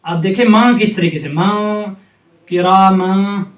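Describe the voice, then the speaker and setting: A man with a high, light voice teaches recitation at a board. He drills each sound slowly and keeps repeating reminders to remember. The room rings with echo, and he stands some distance from the mic. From Jammu and Kashmir. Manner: patient, repetitive drilling of sounds, often says remember. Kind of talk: tajweed lesson at a board. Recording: echoey room, speaker away from mic.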